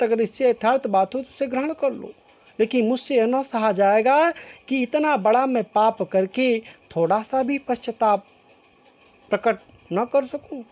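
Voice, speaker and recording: Woman teacher walking a class through a poem, unhurried, keeps restating lines. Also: fairly high pitch, darkish tone. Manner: slow and repetitive, rephrasing each line several times. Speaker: school teacher. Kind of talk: explaining a poem line by line in class.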